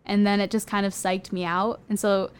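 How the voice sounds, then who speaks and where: A woman's voice: mid-range voice, flat delivery, moderate pace, clean tone. A young woman guest in a casual podcast chat, talking openly with many fillers. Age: young adult. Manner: chatty, many "like" fillers, light laughs.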